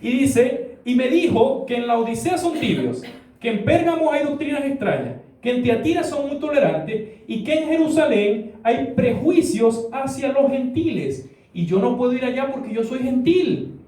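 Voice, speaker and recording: A man playing a fussy, exasperated young man who grumbles about everything. His voice sits very high, and the recording echoes as if from across a room. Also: expressive, moderate pace, warm tone. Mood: desperate. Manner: complaining, exasperated. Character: discontented young man hunting for a church. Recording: echoey church room, distant mic.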